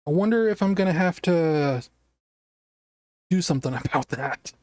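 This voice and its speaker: A streamer with a naturally scratchy voice giving casual gameplay commentary, chatty and quick to react aloud. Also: medium pitch, expressive, darkish tone, no echo, studio quality.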